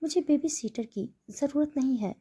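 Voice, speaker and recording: A woman voicing a frightened but defiant young woman who speaks softly and pleadingly. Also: sits high, normal speed, pitched above the performer's own voice. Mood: anxious. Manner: soft and pleading, irritated.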